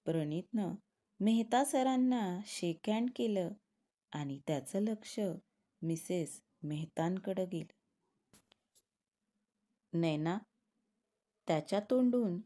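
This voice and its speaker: A woman narrating a serialized audio story in a measured, dramatic way. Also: on the low side, dark tone.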